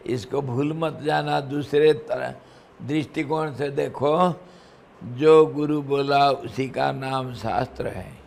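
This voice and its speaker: Slow-speaking man giving a devotional discourse. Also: medium pitch, gravelly, darkish tone, a little hiss or hum. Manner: slow, pausing, chuckles between points, mixes in chanted scripture. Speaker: swami giving a scripture discourse.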